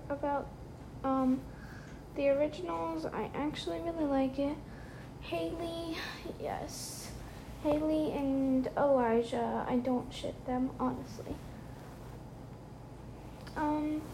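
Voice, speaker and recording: A young woman with a high-pitched voice hosts a casual solo podcast from her bedroom late at night, with background noise behind her. She sounds tired, chatting and rambling with lots of fillers.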